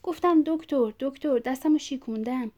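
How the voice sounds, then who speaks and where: A woman's voice: high voice, dark tone, voice pushed up, lightly acted. A woman reading a story aloud, voicing a confused, bleeding old father who rambles and repeats himself insistently. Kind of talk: audiobook reading.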